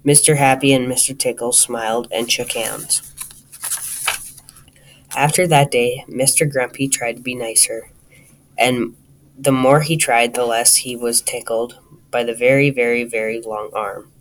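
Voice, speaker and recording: A man reading a children's storybook aloud, talking straight to the listener in a lively way. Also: mid-range voice, measured pace, rough recording. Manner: lively, addresses the listener directly.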